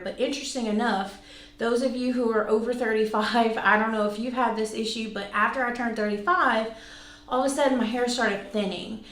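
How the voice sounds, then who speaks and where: Reviewing products for her viewers, a roughly forty-year-old woman keeps the chat loose, conversational and self-deprecating. Her voice is somewhat high with a fairly bright tone. The recording picks up room echo and light background noise.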